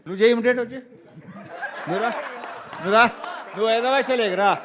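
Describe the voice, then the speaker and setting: Man, rapid-fire talker, teasing, pushy, high voice. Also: noisy background. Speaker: comedian.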